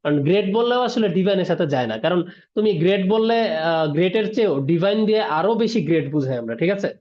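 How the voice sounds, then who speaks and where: Male tutor, online class, quick and high-pitched, muffled video-call audio. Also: lively intonation. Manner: explains word by word, mixing English terms, asks "ঠিক আছে?". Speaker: English teacher.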